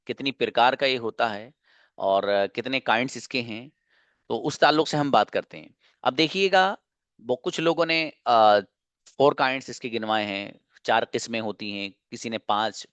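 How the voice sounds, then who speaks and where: A man's voice: mid-range voice, a bit bright, no room sound. A man teaching a grammar lesson to a class, explaining step by step and asking questions he then answers himself. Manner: explains slowly, asks and answers own questions. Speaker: English teacher.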